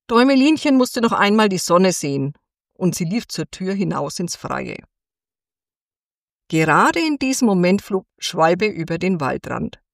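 A woman reads a fairy tale aloud for children, unhurried and gentle. Her pitch rises and falls with lively expression, and her voice sits a little low. The sound is dry and close. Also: no room sound. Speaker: storyteller.

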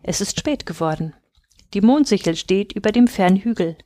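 Gentle woman telling a bedtime tale. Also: medium pitch, animated, moderate pace, no echo, studio quality. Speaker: storyteller. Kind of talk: bedtime storytelling to children.

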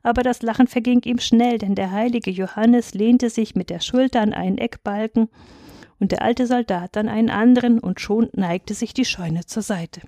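A woman reading a fairy tale aloud in a clear, measured storytelling voice. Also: fairly high pitch, mellow, dry recording, clean studio sound. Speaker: reader.

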